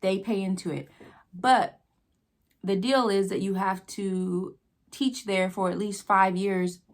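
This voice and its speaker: An American woman with a slightly low voice chats casually as she tells a personal story. She takes her time, rambling along very slowly with halting pauses. She talks between bites, at times with her mouth full. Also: a bit bright. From New Mexico, United States. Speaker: vlogger telling a personal story while eating.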